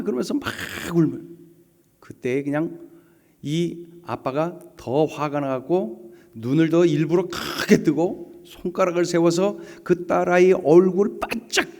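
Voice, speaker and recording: Korean pastor preaching in a reverberant church. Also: male voice, a little high, darkish tone. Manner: storytelling, rising to emphatic rhetorical questions. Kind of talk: sermon. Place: church sanctuary.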